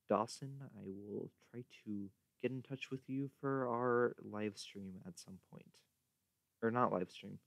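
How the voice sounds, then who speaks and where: A young man chats his way through a graph on a livestream, rambling and correcting himself often. His voice is gravelly and on the low side. The sound is dry and close. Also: no echo. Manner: rambling, self-correcting, with fillers and soft laughs. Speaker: livestream host. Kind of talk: casual livestream chat while graphing.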